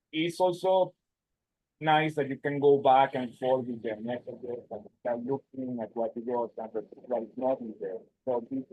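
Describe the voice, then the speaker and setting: A man giving a live tech demo on a video call, his voice muffled as if through a wall, halting and restarting his words. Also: medium pitch, no room sound. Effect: muffled, as if heard through a wall. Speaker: presenter.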